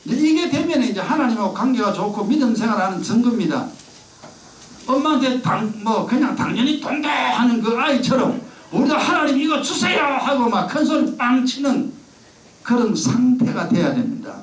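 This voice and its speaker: Pastor preaching in an echoey church. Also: male voice, extremely high pitch, sing-song, normal speed. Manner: conversational, acts out a child's pleading voice. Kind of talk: sermon. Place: church sanctuary. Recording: echoey church sound from a distance.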